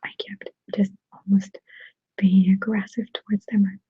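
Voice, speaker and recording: A woman chatting to viewers in a soft, unhurried whispered ASMR style. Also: medium pitch, level tone, breathy edge, dry recording. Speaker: ASMR creator. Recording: dry tinny phone-like sound.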